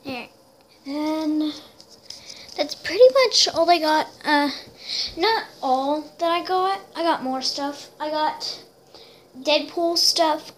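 High-voiced girl chatting slowly on camera. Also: slight background noise. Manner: chatty, rambling, with frequent fillers and little squeals. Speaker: toy horse collector vlogger. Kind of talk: casual show-and-tell vlog.

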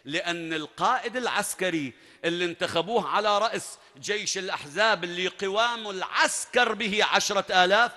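A man's voice: high voice, fairly quick, bright, forceful tone. A man preaching a sermon, telling a story dramatically with emphatic bursts. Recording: long reverb at a large venue.

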